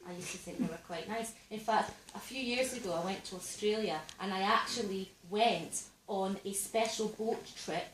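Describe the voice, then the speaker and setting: A woman performing a dry, deadpan stand-up set on a theatre stage, recorded in an echoey room. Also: medium pitch, slight background noise. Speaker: stand-up comedian and host. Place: theatre stage before a live audience. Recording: echoey theatre, mic at a distance.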